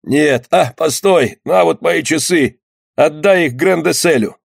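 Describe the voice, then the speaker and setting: A man's voice: on the high side, a little slow, vocal fry, slightly rough, dry recording, clean studio sound, voice pushed up, exaggerated voice. A man reading an audiobook voices a dying wounded ship's skipper who groans weakly and makes grim jokes. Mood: weakly joking. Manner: weak, groaning, grimly joking. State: dying, short of breath.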